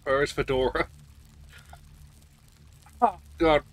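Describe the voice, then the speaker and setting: A man's voice: on the high side, slow pace, a bit bright. A man streaming a video game, swearing and rambling as he gets tipsy from shots. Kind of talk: casual gameplay commentary.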